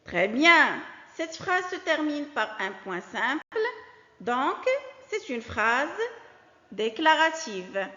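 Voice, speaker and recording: A woman teaching a grammar lesson to young children, with a clear, sing-song teacherly delivery that stresses key words. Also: high voice, big pitch swings, slow pace, bright, forceful tone. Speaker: primary school teacher. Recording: dull lo-fi recording.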